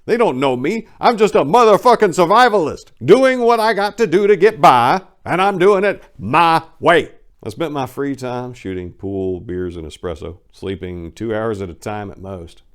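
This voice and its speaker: Speaking as a host, a man performs a memoir-like dramatic reading with plenty of expression, alternating emphatic lines with hushed ones. His pitch is slightly high and his pace is moderate.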